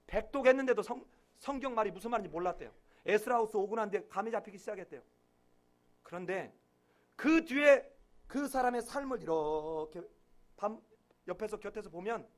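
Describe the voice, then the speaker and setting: With a high voice, a man preaching as pastor performs the voices he quotes, bursting out loudly at moments and sinking to a murmur at phrase endings.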